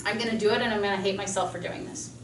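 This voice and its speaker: A woman speech teacher giving a chatty, fast-talking classroom lecture. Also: mid-range voice, fairly even intonation. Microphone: camera mic across a classroom. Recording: roomy, distant classroom sound with faint noise.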